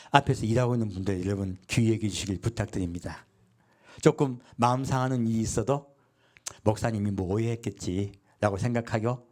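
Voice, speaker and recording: A man preaching a sermon as pastor, asking his congregation questions and answering them himself. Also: fairly low pitch. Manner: lively preaching with call-and-response questions and acted quotes.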